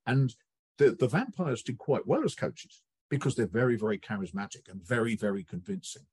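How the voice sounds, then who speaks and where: A middle-aged man, a guest on a podcast, talking about coaching in a relaxed conversation and telling stories with quick quoted voices. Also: medium pitch, slightly rough, no echo. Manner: animated storyteller, acts out quick quoted voices.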